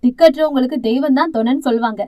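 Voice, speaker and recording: A woman's voice: sits high, quick pace, highs cut off, natural voice. A woman voicing a fierce, domineering middle-aged aunt who scolds with harsh contempt, in an audio novel. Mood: firm reassuring.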